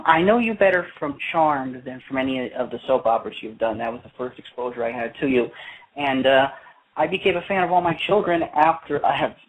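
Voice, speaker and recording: A man's voice: mid-range voice, low-quality recording. Polite man caller, rambling question. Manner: polite, rambling, formal greetings. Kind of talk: call-in radio question.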